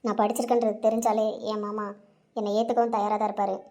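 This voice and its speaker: A woman voicing a young village wife who talks in an earnest, steady way in an amateur drama. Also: medium pitch, fast, lightly acted. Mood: resolute. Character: young village woman, quietly resolute, heartbroken.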